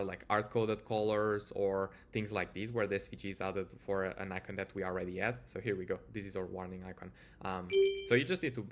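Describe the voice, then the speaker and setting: Here the developer's voice sits low and sounds a bit bright, with a little hiss or hum in the recording. He has a Portuguese accent and walks through his screen-share tutorial casually, hesitantly, and with plenty of filler words.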